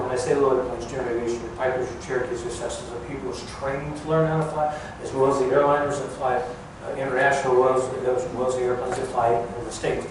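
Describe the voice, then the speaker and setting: An older man who used to work in air traffic control shares stories from his career as an informal guest speaker. He's heard from far away in a large, highly echoey museum space with obvious background noise, speaking in a plain, halting way at a medium pitch.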